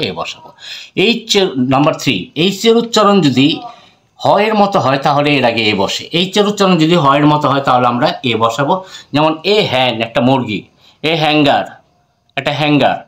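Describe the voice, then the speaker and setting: Teaching English grammar, this Bangladeshi-accented man mixes in English phrases and repeats example words slowly. His voice is medium-pitched and a bit bright, and he asks questions only to answer them himself.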